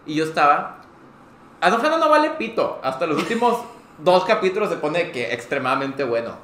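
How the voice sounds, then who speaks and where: A man's voice: a little high, moderate pace. A young man with a Mexican Spanish accent, co-hosting a podcast and telling a story in casual chat, acting out quotes. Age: young adult. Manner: animated, acts out quotes with swearing. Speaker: podcast co-host. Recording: roomy echo, faint noise.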